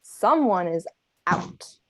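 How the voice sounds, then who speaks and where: Woman player, slow, casual, halting, dry close sound. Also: on the low side, expressive, fairly bright tone, no echo. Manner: halting, rephrasing as she goes. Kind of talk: casual tabletop play.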